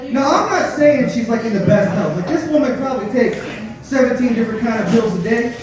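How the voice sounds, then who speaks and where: A man performing live stand-up comedy, telling crude, profane, dark-humored stories in a conversational way straight to the crowd. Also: extremely high pitch, lively intonation, a little fast. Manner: conversational storytelling, addresses the crowd directly. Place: live comedy show with audience, echoey room. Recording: echoey room, distant mic, audience noise.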